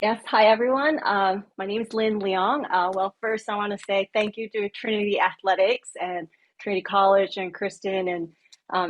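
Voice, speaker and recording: A woman in her late thirties from Malaysia, speaking on a coaching panel in a halting way with many pauses and easy laughs. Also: mid-range voice. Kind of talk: panel discussion.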